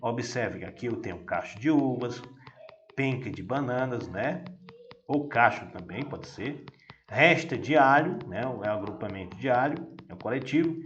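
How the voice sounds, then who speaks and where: A man's voice: mid-range voice, lively intonation, moderate pace, a bit bright, dull audio. A man teacher, patiently walking pupils through a grammar exercise and often checking they follow. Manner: patient, repeats "vai dar o quê?" and "né?". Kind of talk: recorded classroom lesson walkthrough. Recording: echoey room with faint noise.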